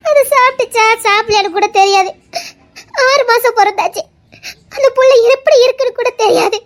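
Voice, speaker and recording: A woman voicing a fierce, protective middle-aged village mother in an audio drama, who scolds, curses and sobs. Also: very high voice. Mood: grieving. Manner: scolding, shouting, cursing, sobbing. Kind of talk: Tamil audio drama acting.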